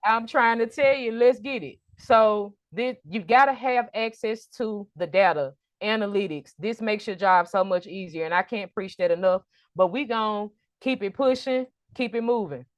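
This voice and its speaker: A woman giving an online trucking business workshop, lively and preacher-like, calling out to her audience for an amen. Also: medium pitch, normal speed, hardly any pauses, no echo. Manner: energetic, preacher-like call and response.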